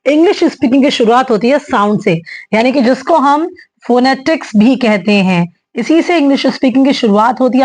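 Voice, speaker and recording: A woman teaching an English phonetics lesson, patiently explaining and repeating each sound slowly. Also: sits high.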